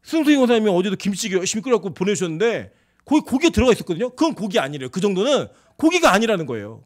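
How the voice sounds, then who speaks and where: A fast-talking male pastor in his forties delivers a sermon from a church pulpit. His voice sits high for a man and leaps around expressively. He drops into chatty asides and acted-out dialogue. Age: 40s. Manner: animated, conversational preaching with quoted asides. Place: church sanctuary.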